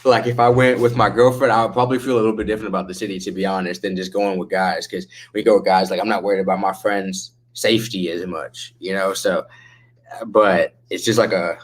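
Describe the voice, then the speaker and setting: A man's voice: low-pitched, fairly even intonation, fast. Laid-back stoner guy chatting casually. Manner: slangy, profane. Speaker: livestream host chatting with viewers. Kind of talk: casual chat.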